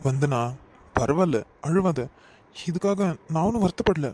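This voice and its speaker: A man voicing a gentle young husband who soothes and coaxes his wife, with a Kanyakumari Tamil accent. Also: on the high side, moderate pace, a little hiss or hum, natural voice. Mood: soothing. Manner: soothing, coaxing.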